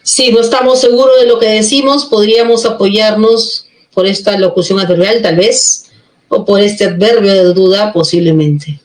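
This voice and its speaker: A woman teaching a grammar lesson who explains step by step and keeps checking in with quick questions. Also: medium pitch, steady tone, darkish tone. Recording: echoey room.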